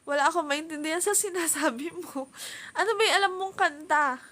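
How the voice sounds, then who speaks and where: A woman's voice: high voice, a little fast, bright, forceful tone. A woman with a Filipino accent hosting a casual live stream from home, giggling and chatting as she reads viewer comments into her phone. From Philippines. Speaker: livestream host.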